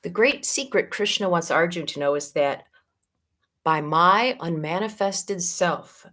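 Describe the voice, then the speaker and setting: A middle-aged yoga teacher with a Midwestern American accent gives a spiritual teaching talk. Her voice sits low, and she speaks gently and without hurry, drawing out key words.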